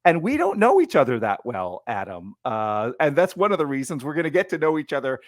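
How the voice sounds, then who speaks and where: A man's voice: a little high, wildly swooping pitch, brisk, dry recording. Man, podcast host, chatty, joking, dry close sound. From Ottawa. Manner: chatty, joking, with fillers and restarts. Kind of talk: interview podcast.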